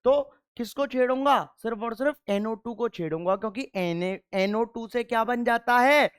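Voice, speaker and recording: The recording is dry with clean studio sound, capturing a male chemistry teacher's very high-pitched, clean-toned voice at normal speed. In his classroom lecture he asks rhetorical questions, answers them himself, and patiently repeats key answers so the class can drill them.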